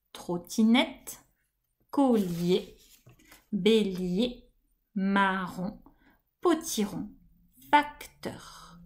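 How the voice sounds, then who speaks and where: A woman teacher with a French accent giving a recorded lesson to young children, patiently singing and stretching words to show their syllables. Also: medium pitch. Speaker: kindergarten teacher.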